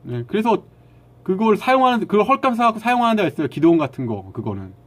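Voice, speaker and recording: A man's voice: high voice, sing-song, fast talker. A man talking casually to his live-stream viewers, lecturing them bluntly and arguing back at their comments.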